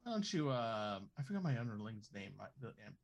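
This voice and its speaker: Wry man with lively, swooping intonation. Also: medium pitch, fairly quick, gravelly, lo-fi sound. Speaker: role-playing game player. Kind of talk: casual improvised role-play.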